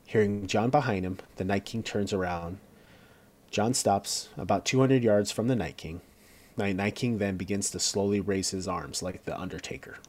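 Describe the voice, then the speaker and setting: Male co-host with a lower voice, narrates the action scene by scene, stumbles and restarts. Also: normal speed, darkish tone. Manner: reads along with fillers and self-corrections. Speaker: co-host recapping a TV episode. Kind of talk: casual scene-by-scene recap.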